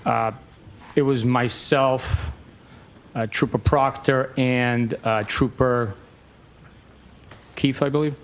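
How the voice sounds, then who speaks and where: Flat-toned policeman giving hesitant testimony. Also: mid-range voice, slow pace, pauses often, a little hiss or hum. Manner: matter-of-fact, hesitant, formal. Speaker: police sergeant testifying as witness. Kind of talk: courtroom testimony. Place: courtroom.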